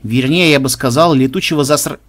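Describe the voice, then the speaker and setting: A man's voice: medium pitch, brisk, fairly bright tone, close to an everyday voice. A man voicing a wry, musing tester.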